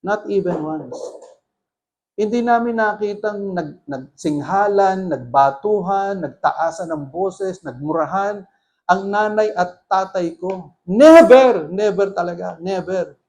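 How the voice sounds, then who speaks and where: A man's voice: high voice, slow pace. A man preaching as pastor, mixing Tagalog and English and putting rhetorical questions to the congregation. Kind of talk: sermon.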